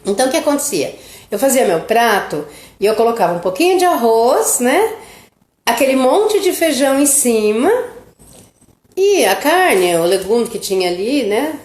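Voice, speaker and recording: The middle-aged host of a children's-nutrition live stream shares a family story casually, repeatedly asking "né?" ("right?") after her sentences. She sounds very animated, with a fairly high, darkish voice at a moderate pace. Echo fills the room.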